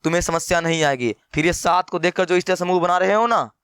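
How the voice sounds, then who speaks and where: This high-voiced man talks fast, with a slightly bright, smooth sound on a dry, studio-quality recording. He teaches a math lesson playfully, teasing his students, acting out their replies and calling viewers "brother" as he speaks straight to them.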